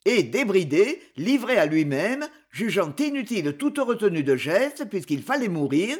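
A narrator reading a swashbuckling adventure novel aloud in a dramatic, expressive storytelling manner. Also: medium pitch, moderate pace.

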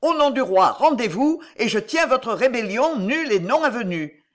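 A stern captain of the guards, as a reader puts him on, barks his orders loud and sharp. His pitch jumps up and down with the force of each command in this audiobook scene. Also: expressive, normal speed, close to an everyday voice. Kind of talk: audiobook character voice.

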